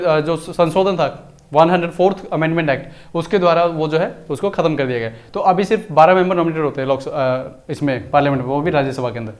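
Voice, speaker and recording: A male teacher lecturing in a chatty, explanatory way, slipping terms into his talk. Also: sits high. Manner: chatty, explanatory, mixes Hindi with English terms. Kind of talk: recorded exam-prep lecture.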